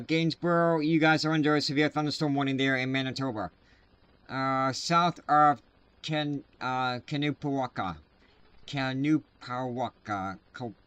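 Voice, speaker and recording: A man hosting live severe weather coverage, talking casually and haltingly with many filler sounds at a desk mic. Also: mid-range voice, a bit bright, clear, resonant tone, muffled recording. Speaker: livestream weather host.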